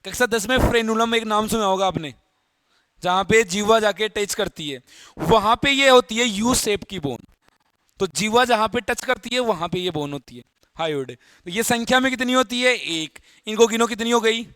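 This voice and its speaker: A man's voice: high-pitched, lively intonation, moderate pace, fairly bright tone, no echo. A man teaching a biology class in a Hindi lecture, explaining step by step, repeating key terms and asking students questions. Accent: Rajasthani Hindi.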